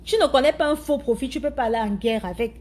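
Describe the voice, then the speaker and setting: High-voiced chatty woman commenting. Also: fast, darkish tone. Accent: African-accented French. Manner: chatty, searching for words, repeats herself. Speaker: live streamer answering viewers' comments. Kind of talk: casual chat commentary.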